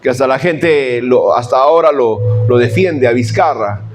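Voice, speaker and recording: A man's voice: medium pitch, moderate pace, soft background music. A man, a pastor preaching a sermon in church. He preaches emphatically, firing rhetorical questions at the congregation and calling them brothers.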